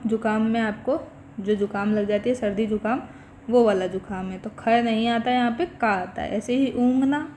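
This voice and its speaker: Woman, teacher, revision lecture, step-by-step explaining, somewhat high voice, faint background hiss. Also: mellow. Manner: explains step by step, often checks with "theek hai". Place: online class recording.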